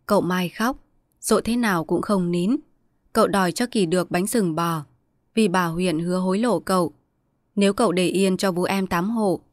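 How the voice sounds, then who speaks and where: Steady woman reading a short story. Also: fairly low pitch, no echo, studio quality. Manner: measured, even storytelling. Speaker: narrator.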